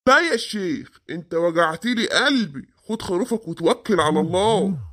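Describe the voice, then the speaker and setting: A man's voice: high-pitched, lively intonation, normal speed, a bit bright. A man doing a suspicious Egyptian cartoon sheep seller. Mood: haggling. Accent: Egyptian Arabic.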